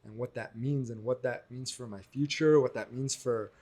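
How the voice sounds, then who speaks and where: A young man from the United States, a guest speaking reflectively in a casual interview, lively when he quotes others. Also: medium pitch, normal speed.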